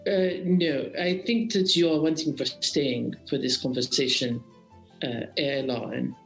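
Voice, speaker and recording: A man's voice: fairly high pitch, measured pace, natural voice. A man voicing an imperious noblewoman with a put-on French accent, commanding and blunt, in an echoey room with faint music.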